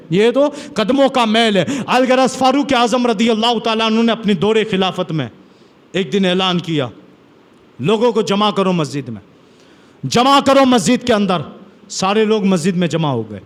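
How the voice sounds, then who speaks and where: A man with a high voice delivers a sermon from India, retelling stories with dramatic flair. He repeats phrases for emphasis and builds to strong, declaiming peaks. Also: animated. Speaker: preacher. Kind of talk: sermon storytelling.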